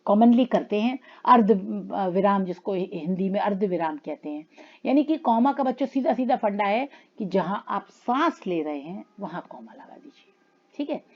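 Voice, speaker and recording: A woman teacher talks her students through a grammar lesson at a middle pitch. She switches to slow, careful for the examples. The recording sounds a little dull and lo-fi. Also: expressive. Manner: addresses students as children, reads English lines slowly. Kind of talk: classroom lesson explaining grammar.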